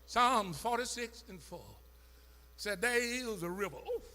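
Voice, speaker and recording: A man's voice: extremely high pitch, expressive, measured pace, bright, forceful tone. A man preaching a sermon in a church with a Southern American accent, calling out to the congregation and rising into a sung, chanted whoop. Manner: call-and-response, dialect-rich, emotional chanting.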